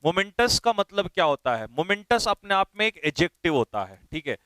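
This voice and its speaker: Male teacher, brisk and directive, slightly high voice, smooth and resonant, dry close sound. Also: big pitch swings, pushed and bright, no echo. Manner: brisk and directive, spells words letter by letter. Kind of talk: online vocabulary class.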